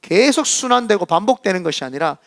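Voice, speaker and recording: A man's voice: sits high, lively intonation, quick pace, gravelly, a bit bright, no echo, clean studio sound. A middle-aged Korean man with a Gyeongsang accent preaching a sermon as senior pastor, emphatic and scolding, full of rhetorical questions. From South Korea.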